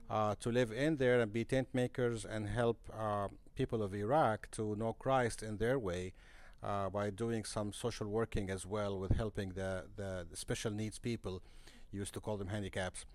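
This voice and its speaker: Earnest man, low dry voice. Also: no echo. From Egypt. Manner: earnest, halting with frequent restarts. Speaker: guest, missionary broadcaster. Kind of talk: casual podcast interview. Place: conference center.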